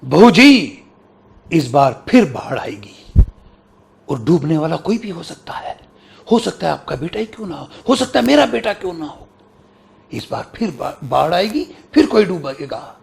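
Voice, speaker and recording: A man's voice: on the high side, big pitch swings, unhurried, vocal fry, full character voice. A man voicing a solemn sadhu-like holy man who gives a grave, prophetic warning in a stage declamation. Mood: ominous.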